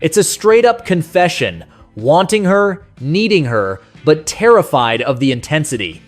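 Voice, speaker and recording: Hosting a scripted music countdown, this man tells stories in a nostalgic, colloquial manner. His voice is on the high side and very animated, moving at a measured pace over soft rock music.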